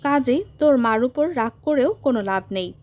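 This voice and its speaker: A woman's voice: high voice, expressive, moderate pace, darkish tone. Woman reading as a grave, firm young uncle. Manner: grave, earnest pleading. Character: stern young uncle, calm but firm man.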